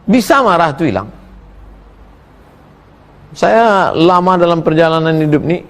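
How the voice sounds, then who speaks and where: A middle-aged man preaches in a lively question-and-answer sermon, his voice sitting a little high. He jokes in a folksy way and teases his listeners. He often breaks into sudden high exclamations. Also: unhurried. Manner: folksy, teasing asides to the audience. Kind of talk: humorous sermon Q&A.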